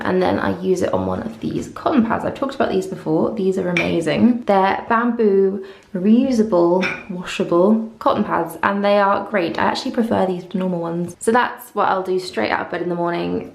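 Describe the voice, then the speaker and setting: A woman's voice: on the low side, vocal fry. A woman vlogger talking casually to camera in an echoing bathroom, chatty and informal with little self-deprecating asides. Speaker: beauty vlogger. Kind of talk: casual chat to camera, morning routine walkthrough. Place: small indoor bathroom. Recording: echoey tiled bathroom.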